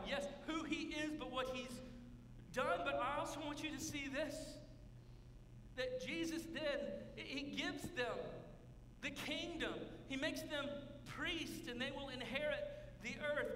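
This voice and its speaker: A man in his thirties, a pastor preaching a sermon with emphatic, drawn-out phrasing in a large church sanctuary. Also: extremely high pitch, bright, forceful tone, slight background noise. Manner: emphatic preaching, drawn-out words, gestures while walking the stage. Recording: echoey hall from far off.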